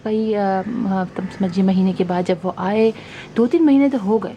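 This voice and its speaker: Middle-aged woman chatting about her plants, lots of fillers, warm mellow tone, bit of hiss behind. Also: medium pitch, unhurried, highs cut off. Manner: chatty, rambling, many fillers and restarts. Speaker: gardening vlogger. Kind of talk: casual chat showing new plants. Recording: faint background noise.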